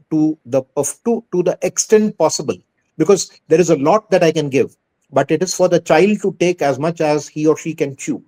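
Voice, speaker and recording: Interviewee, male school head, Indian accent. Soft-edged tone, pitched a little above average, earnest and emphatic. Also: low-quality recording. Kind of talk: conversational interview answers.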